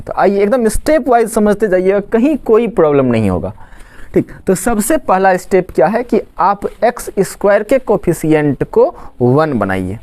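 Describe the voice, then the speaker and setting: A man's voice: sits high, darkish tone. A man from Bihar speaks as a maths teacher explaining a lesson step by step. His voice rises and falls a great deal. He keeps asking questions and answering them himself. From Khagaria, Bihar, India. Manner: asks questions and answers them himself, says "ठीक" often.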